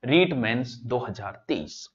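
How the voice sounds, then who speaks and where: A male teacher with a Rajasthani accent, running a lively exam-prep spelling class and teasing his students in local dialect. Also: mid-range voice, measured pace, dull audio.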